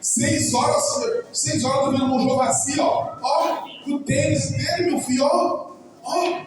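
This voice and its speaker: High-voiced Brazilian pastor in an echoey hall. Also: male voice, fairly even intonation, a little slow. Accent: Brazilian Portuguese. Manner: chatty, repetitive, keeps addressing the congregation directly. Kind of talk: informal sermon. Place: church hall. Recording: echoey hall, distant mic, noisy.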